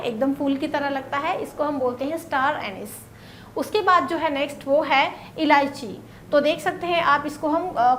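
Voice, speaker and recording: A woman teaching vocabulary in a casual lesson, saying each word and then repeating it slowly for pronunciation. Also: high voice, slight background noise. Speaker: English teacher.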